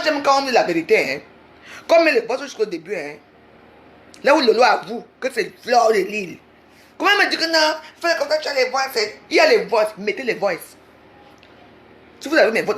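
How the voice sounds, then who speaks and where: A woman's voice: mid-range voice, a bit bright. A woman in a heated livestream rant, confrontational and repeating herself insistently. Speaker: social media livestreamer.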